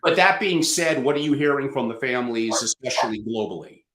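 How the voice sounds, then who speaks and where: A male host leads the interview with wry, opinionated commentary. His voice sits in a middle register and carries a clear echo from the room around him. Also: medium pitch, expressive, brisk, noisy background. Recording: echoey room.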